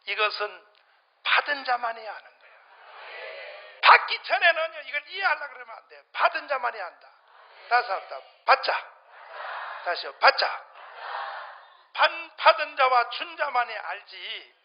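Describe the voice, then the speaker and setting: A middle-aged male pastor preaching a sermon to his congregation, swinging between fiery shouts and low muttering. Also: sing-song, measured pace, pauses often. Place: church before a congregation. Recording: dull lo-fi sermon recording.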